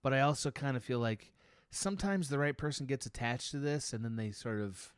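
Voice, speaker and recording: A man with an average-pitched voice talks casually about movies on a podcast. He sounds a little reserved and measured, often hedging his points. The recording is dry and free of echo. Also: smooth. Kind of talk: casual film podcast chat.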